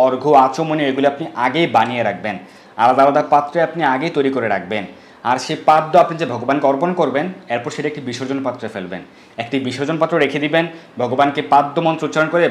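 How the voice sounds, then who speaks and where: A man talks quickly through a worship ritual, step by step, at a middle pitch. He explains each term as he goes and slows down to chant the mantras. His voice rings in a roomy, echoey space. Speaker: devotional teacher. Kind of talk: ritual instruction.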